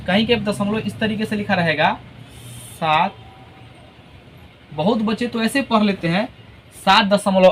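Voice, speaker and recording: A man with a high voice teaches a math class patiently, one step at a time. He reads numbers out slowly, digit by digit, and keeps checking that his students follow. Faint traffic hums in the background. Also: poor audio. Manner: patient, step-by-step explaining, often checks with "ठीक है ना".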